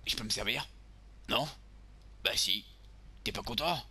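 Un homme jouant un beauf marseillais bourru. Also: male voice, lowish voice, a little slow, bright, forceful tone, exaggerated voice. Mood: grumbling. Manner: crude, vulgar grumbling, talking to himself while playing. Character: boorish drunk beer-loving lout, man, crude and brash. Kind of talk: game role-play commentary.

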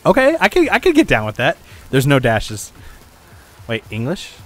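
A man's voice: medium pitch, huge pitch swings, moderate pace. A man casually commenting on a video game as a let's play host, laughing often and swearing casually.

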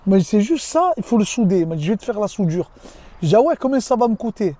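Lively high-voiced man vlogging from his car. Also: quick pace. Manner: lively, slangy, talks straight to the viewer. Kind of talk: casual storytelling vlog. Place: inside a car.

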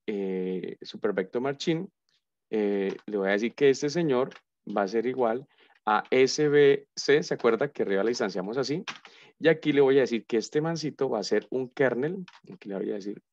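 A man's voice: fairly low pitch, darkish tone. A man giving a casual live coding lesson as a university lecturer, thinking aloud and humming as he types. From Colombia. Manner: chatty, thinks aloud, hums nonsense while typing. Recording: dull lo-fi sound, dry.

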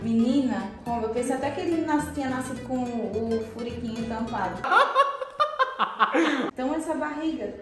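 Bubbly high-voiced woman vlogger. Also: normal speed, music in the background. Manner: bubbly, coos and baby-talks at pets. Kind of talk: casual vlog chat.

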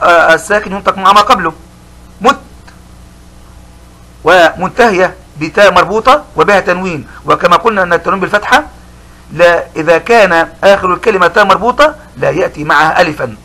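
A man teaching young pupils, his voice high-pitched and bright. He explains patiently and slowly, saying each key word over again. He sounds like a middle-aged teacher in a recorded lesson. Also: rough recording. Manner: slow, explanatory, repeats key words.

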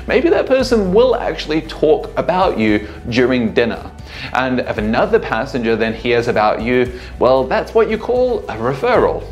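A man in his thirties giving an upbeat sales training lesson to camera, acting out sample greetings, recorded on a lapel mic in a small living room. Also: mid-range voice. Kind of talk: instructional talk to camera.

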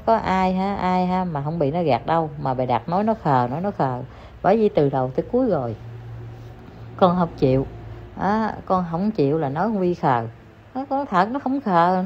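A woman's voice: on the low side, slight background noise. Emphatic woman gossiping. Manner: emphatic, repetitive, scolding. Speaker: online commentator addressing viewers. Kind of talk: casual gossip commentary. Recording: slightly dull lo-fi audio with faint ambience.

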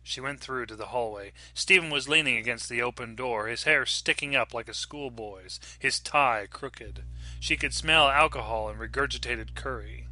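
A man narrates a horror short story in a measured, dramatic way. His voice is very bright and crisp. The recording is dry and close, with no room sound. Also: mid-range voice, no echo. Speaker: audiobook reader.

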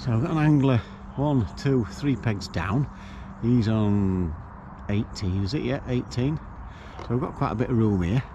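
A man's voice: medium pitch, a little slow, highs cut off, background noise. A middle-aged man, talking casually to camera outdoors beside a lake, chatting through his plans. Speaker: angler vlogger.

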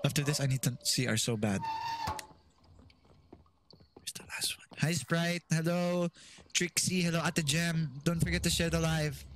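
A man's voice: a little high, moderate pace, a little hiss or hum. A man live-streaming a horror game, yelping at scares, laughing, and chatting to his viewers, a little out of breath. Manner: jumpy, yelps and laughs at scares, chats to viewers. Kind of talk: casual live-stream gaming chat.

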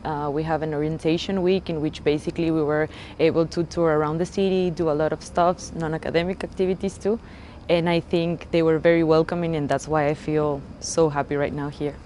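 Low, mellow young woman from Ecuador. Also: flat delivery, brisk, slight background noise. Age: young adult. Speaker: master's student. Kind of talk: short interview answers. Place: outdoor city square.

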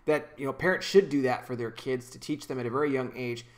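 A man's voice: mid-range voice, quick pace. A man in his thirties hosting a casual commentary vlog from a small room at home, talking earnestly into a desk microphone with frequent restarts. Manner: earnest, talks with hand gestures, frequent restarts. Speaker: commentary channel host. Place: small indoor room with kitchen behind. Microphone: desk microphone in front of him.

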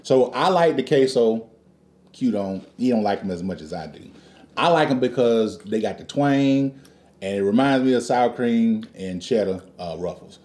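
In his living room at home, a middle-aged man hosts a casual snack review, joking around and chuckling as he talks. His voice sits at a medium pitch, a little mellow, with lively intonation and a moderate pace.

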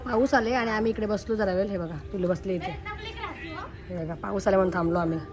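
A woman's voice: medium pitch, steady tone, fast. A woman vlogging outdoors with a handheld camera in a park playground, chatting to viewers and coaxing a small child. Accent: Marathi. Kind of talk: casual vlog narration to viewers.

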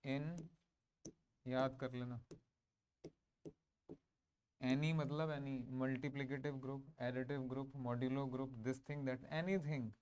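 A man's voice: mid-range voice, little pitch movement, slow pace, pauses often, darkish tone, a little hiss or hum. A man teaching a maths class in a classroom, switching between Hindi and English and often checking that students follow. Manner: mixes Hindi and English, asks the class to confirm. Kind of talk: classroom lecture.

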